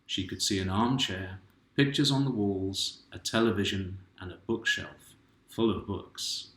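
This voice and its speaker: This man's voice sits on the low side and moves at an unhurried pace. Reading his own picture book to a child, he gently stops to put questions to the child and to viewers, with echo from a roomy home room around him.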